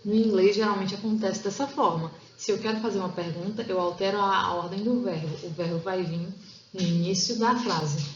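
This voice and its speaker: A Portuguese-speaking woman teaching an English grammar lesson over slides, explaining step by step and slowing down to read example sentences. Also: mid-range voice, steady tone, slight background noise. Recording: roomy, dull lo-fi sound.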